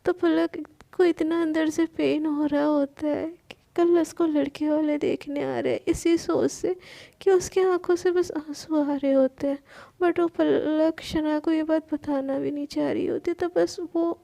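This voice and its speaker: A woman telling a serialized love story in a chatty, friendly way. Her voice is high with a gravelly edge and a dark, mellow tone. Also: fairly even intonation, a little slow. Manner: chatty, addresses listeners as friends. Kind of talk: casual storytelling.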